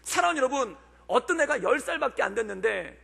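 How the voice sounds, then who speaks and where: A man's voice: extremely high pitch, big pitch swings, fast, vocal fry, fairly bright tone, slightly rough. A male pastor delivering a sermon with earnest preaching and frequent rhetorical questions. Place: church sanctuary. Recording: long church hall reverb.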